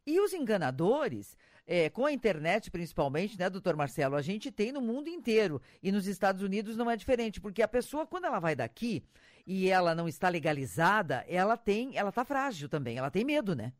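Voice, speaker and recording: A man with a Brazilian Portuguese accent hosting an interview, speaking in an expressive, emphatic, conversational way. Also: high-pitched, fairly quick, dry recording, clean studio sound. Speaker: interviewer, host.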